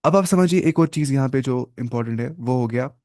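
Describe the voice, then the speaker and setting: Male teacher, patient step-by-step explainer who quizzes his class, warm mellow tone, dry close sound. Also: mid-range voice, dry recording. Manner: repeats key words and asks the class quick check questions; patient step-by-step explaining, mixing in English terms. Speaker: Arabic teacher. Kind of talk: online language lecture.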